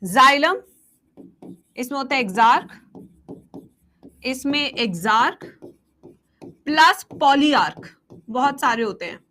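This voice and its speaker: A young woman teaching biology for an exam, mixing Hindi and English, slowly dictating table entries and then breaking into quick asides to her students. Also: high-pitched, expressive, sharp tone.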